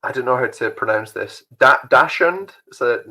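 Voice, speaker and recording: A man's voice: medium pitch, expressive, moderate pace, pushed and bright, poor audio. A young man hosting an online youth quiz from home, chatty and rambling, laughing often. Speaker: youth group host.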